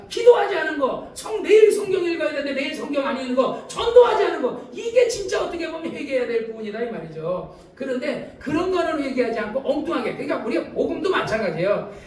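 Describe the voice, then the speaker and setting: High-pitched, fast-preaching older pastor. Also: male voice. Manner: animated, shouting for emphasis and laughing as he preaches. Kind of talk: sermon. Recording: echoey church hall, mic far off.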